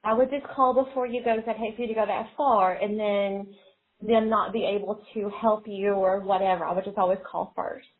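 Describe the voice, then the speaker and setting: A woman's voice: mid-range voice, fairly even intonation, brisk. Practical woman giving advice by phone. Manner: advising, practical. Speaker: foster care supervisor. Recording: tinny phone line.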